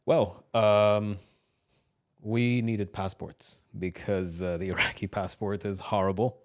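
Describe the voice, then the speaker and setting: Speaking slowly in a lowish voice with fairly even intonation, this Iraq-born man in his thirties, who grew up in New Zealand and isn't an English speaker, shares his life story in a relaxed, hesitant interview conversation.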